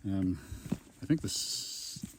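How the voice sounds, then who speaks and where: A man casually narrating a hiking vlog outdoors on a wooded mountain trail, rambling with lots of ums. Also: drawn-out words. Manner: relaxed, rambling with many ums. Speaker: hiking vlogger. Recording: outdoor noise behind.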